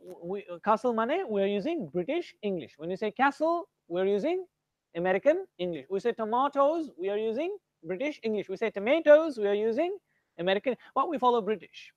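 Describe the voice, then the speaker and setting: A man's voice: sits high, sing-song, quick pace, dry recording, lo-fi sound. A man with an Indian accent teaching an English grammar class. He switches between English and Hindi and quizzes students by name.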